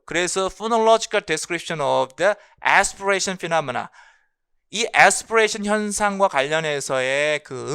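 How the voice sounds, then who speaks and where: Here a man who lectures in English linguistics runs an exam-prep class on phonology. His crisp, bright voice swings animatedly in pitch; he keeps things lively, restates the main points, and fields his own questions.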